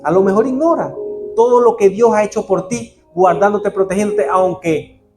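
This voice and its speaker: Male preacher, earnest sermon delivery, slightly high voice, clear music underneath. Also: moderate pace. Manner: earnest, addresses the congregation as brother. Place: church.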